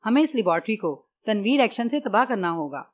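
A woman's voice: a little high, big pitch swings, a little fast. A woman reading the lines of a cold, ruthless male secret agent in an audiobook, giving clipped, icy commands. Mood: grim.

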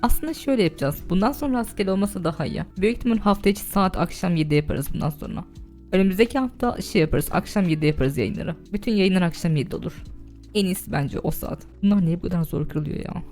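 Fast-talking young woman streaming a game. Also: fairly low pitch, expressive, a little mellow, soft background music. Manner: chatty, talks to chat, bursts into shrieks and laughter. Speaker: streamer and server admin. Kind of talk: casual live gaming stream chat.

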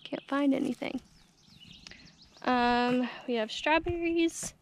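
A young woman talks her way slowly and easily through a garden tour, her voice sitting a little high. She fills her speech with casual fillers. A handheld camera catches her outdoors, with faint country noise behind her. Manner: easygoing, chatty, lots of fillers. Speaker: homestead vlogger. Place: outdoors in a rural garden on a hot day. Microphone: handheld action camera.

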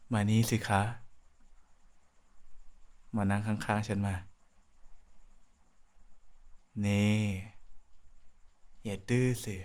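A young man playing a playful, affectionate boyfriend in an intimate ASMR role-play, talking in a soft, coaxing, teasing way. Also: on the low side, lightly acted.

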